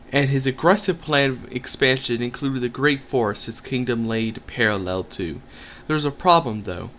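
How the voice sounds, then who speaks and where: A man's voice: mid-range voice, fairly bright tone, slight background noise. A man streaming a text game, reading its story aloud in a storybook cadence. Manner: narrates in a storybook cadence, puts on voices for quotes. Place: home streaming setup.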